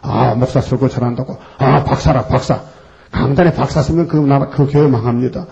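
A man's voice: fairly high pitch, vocal fry, warm tone. An older man preaching a fiery, blunt, scolding sermon in a colloquial way. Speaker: pastor. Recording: dull lo-fi recording.

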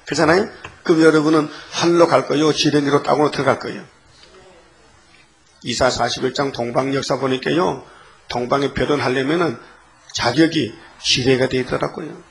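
An older man preaching a sermon, emphatic and repetitive, often asking his listeners for a response and reading scripture slowly and solemnly. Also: mid-range voice, fairly even intonation, creaky. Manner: emphatic, repeats phrases, asks the congregation "예?". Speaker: pastor.

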